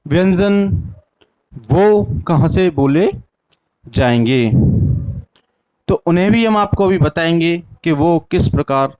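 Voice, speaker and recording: High-voiced, slow-paced male teacher. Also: animated, darkish tone. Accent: Hindi-speaking north Indian. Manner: sounds out syllables slowly one by one. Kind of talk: classroom lesson with call-and-response drills.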